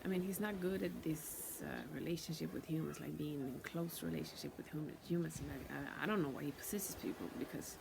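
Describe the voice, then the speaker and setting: A woman telling her own story in a casual, halting way, with lots of fillers, restarts and swearing, and repeating words for emphasis. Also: deep voice, creaky, background noise.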